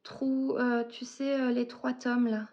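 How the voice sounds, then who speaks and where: A woman hosts a casual podcast about knitting and books, speaking hesitantly and often searching for words. Her slow, flat voice is on the high side and a little mellow, with the highs cut off.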